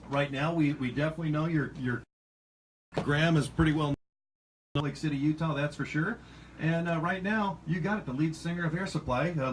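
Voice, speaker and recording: A male radio host rambles chattily through a casual interview, using plenty of fillers. His voice is medium in pitch, and the poor audio carries a little hiss or hum.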